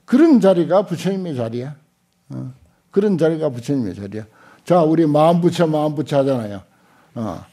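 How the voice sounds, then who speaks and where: A man in his 70s or older delivers a Buddhist scripture lecture in an indoor hall to a seated audience, speaking into desk stand microphones. His voice is a little high and dark in tone, with lively intonation. He talks unhurriedly, halting often with small interjections and repeating points for emphasis.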